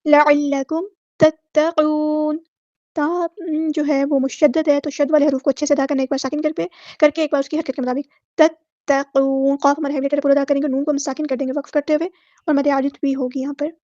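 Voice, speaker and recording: A woman gives a patient, step-by-step tajweed lesson, slowly drawing out each recited word before explaining the rule. Her voice sits high and stays level without much rise and fall. The recording is dry and a little dull. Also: level tone, dark tone, no room sound. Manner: patient, repetitive step-by-step instruction. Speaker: Quran recitation teacher.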